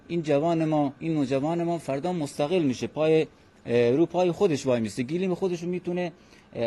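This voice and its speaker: A man as an interview guest, talking in an earnest, measured way with frequent hesitant fillers. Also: medium pitch, warm tone. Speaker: guest expert. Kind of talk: formal radio interview.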